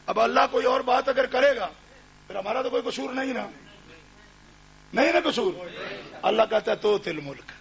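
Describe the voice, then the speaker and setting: A man preaching a fiery religious sermon, shouting and now and then chanting verses in a sung tone. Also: very high voice, gravelly, long pauses. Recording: dull lo-fi recording with crowd.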